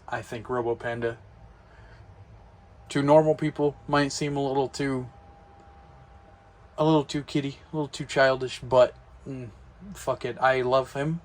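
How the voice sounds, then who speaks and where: A man of ordinary pitch chats casually in a room late at night. He rambles, trips over his words, and tosses in the occasional swear word. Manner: rambling, swears, many restarts. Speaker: toy robot collector vlogger. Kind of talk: casual chat.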